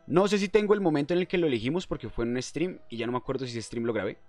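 A young adult man with a Colombian Spanish accent streams games, delivering casual, slangy, playful commentary very fast in a mid-range, darkish voice. He sits at a desk indoors, close to a desktop mic in front of him, and the dry recording carries faint music in the background.

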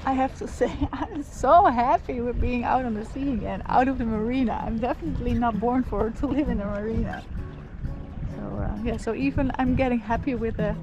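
Cheerful young woman, sailing vlog, slightly high voice, action cam on deck. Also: fairly quick, highs cut off, over music. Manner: cheerful, chatty, laughs easily. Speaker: sailing vlogger. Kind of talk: casual vlog narration. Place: outdoors on a sailboat deck. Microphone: action camera held at arm's length.

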